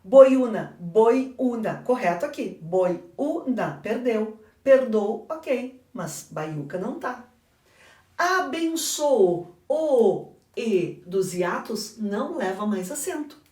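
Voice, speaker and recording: A woman with a Brazilian Portuguese accent leads a grammar lesson at a middle pitch. She quizzes the class and answers her own questions. Her voice carries from some way off the mic, with a noticeable room echo. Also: animated, slow, few pauses, mellow. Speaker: teacher. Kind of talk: exam correction lesson. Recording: echoey room, voice from a distance.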